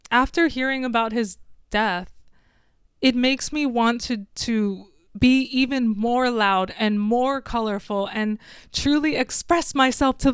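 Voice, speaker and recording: A woman's voice: a little high, clear, resonant tone, dry recording, studio quality. A young woman vlogging a heartfelt personal tribute, talking earnestly and directly to her viewers. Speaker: illustrator and video creator. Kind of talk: personal tribute vlog to camera.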